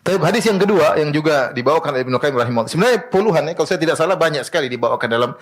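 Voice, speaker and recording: A man preaching a sermon in an animated way, asking rhetorical questions and answering them himself. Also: fairly high pitch, rapid-fire.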